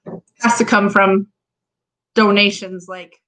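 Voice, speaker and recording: A woman's voice: medium pitch, little pitch movement, takes it slowly, reverberant, a crowd in the background, low-quality recording. A woman co-hosting a live stream, casually chatting and reading viewer questions aloud.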